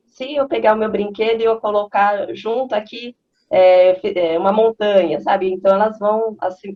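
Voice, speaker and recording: A woman, a mother of three, chatting casually and rambling through parenting stories and advice. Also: medium pitch. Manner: rambling, conversational, frequent fillers like "né" and "assim". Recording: slightly dull lo-fi audio.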